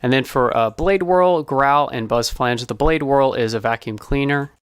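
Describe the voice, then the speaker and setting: A sound designer, a man with a medium-pitched, clean voice, gives an informal behind-the-scenes explainer. He speaks casually and haltingly.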